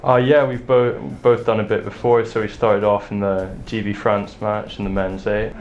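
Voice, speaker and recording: A late-teen man answers interview questions in a relaxed, lightly joking way. His voice is low-set and even, and the audio is a little dull. Faint music plays behind him. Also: normal speed. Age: late teens. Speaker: junior rowing crew member.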